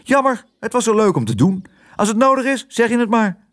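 A man voicing a tiny, excitable female sparrow in a storybook, shrill and breathless with eagerness. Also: a little fast, full character voice. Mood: eager.

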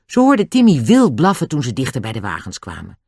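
A narrator reading a children's audiobook in an expressive storytelling manner. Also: medium pitch, a little fast, husky, dry recording, studio quality.

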